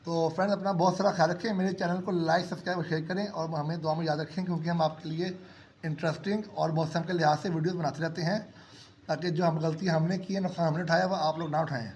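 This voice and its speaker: A man with a sore throat, hosting a bird-keeping channel, calmly explains medicine doses to viewers he calls friends. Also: on the high side, fast talker, a little hiss or hum. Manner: steady, repetitive explaining, addresses viewers as friends. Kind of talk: casual advice talk to viewers.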